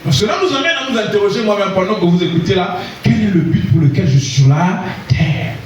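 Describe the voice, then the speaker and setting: A man from Congo preaching a sermon, calling out to the congregation for responses and rising to shouts. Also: high-pitched, lively intonation, fairly quick, dull audio, a little hiss or hum. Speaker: pastor. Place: church hall. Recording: echoey hall, voice from far off.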